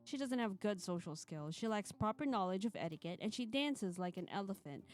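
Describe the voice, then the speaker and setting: A woman hosts a live stream, chatting playfully and poking fun at herself while reading a visual novel aloud with expression, mixing stream chat and narration. Her voice is medium-pitched, lively in intonation and fairly quick, with background music playing behind her.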